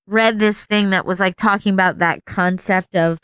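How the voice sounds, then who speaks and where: A woman's voice: medium pitch, normal speed, clear, resonant tone, no room sound. A woman co-hosting a radio talk show, speaking effusively with lots of "like" at a studio microphone. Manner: effusive, lots of filler "like", excitable. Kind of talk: casual studio chat.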